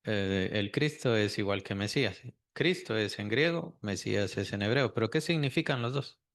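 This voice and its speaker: Hombre enseñando escuela dominical. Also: male voice, on the low side, moderate pace, fairly bright tone. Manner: asks the class questions, repeats key phrases. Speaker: Sunday school teacher. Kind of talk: Bible study lesson.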